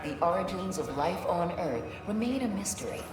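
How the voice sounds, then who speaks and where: An actress voicing a calm building announcer in a video game, giving soft, polite public-address announcements over lobby speakers. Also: female voice, fairly low pitch. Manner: measured, informative, polite. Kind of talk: scripted video game dialogue. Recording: echoey hall speaker with loud game music.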